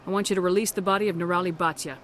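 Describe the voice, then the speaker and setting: A woman's voice: on the low side, steady tone, very fast, a bit bright, a little hiss or hum, lightly acted. A woman playing a blunt, hard-edged military commander in a video game, speaking in a curt, challenging way. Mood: firm, demanding.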